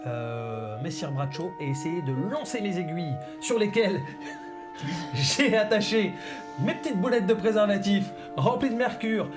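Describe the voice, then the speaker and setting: A woman's voice: mid-range voice, very animated, unhurried, music in the background. A woman playing a tabletop role-playing game, chatting casually with playful, joking interjections.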